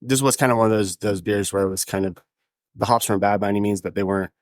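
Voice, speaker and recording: A man's voice: lowish voice, steady tone, fast talker, no room sound, studio quality. A man talking as a brewer in casual podcast chat, informal and hedging as he goes. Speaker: brewer describing beer.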